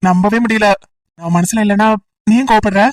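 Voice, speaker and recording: A woman's voice: mid-range voice, fairly even intonation, brisk, far from the mic, natural voice, low-quality recording. A woman voicing a teasing, persistent young male college student in an amateur audio drama, talking in a playful, coaxing way.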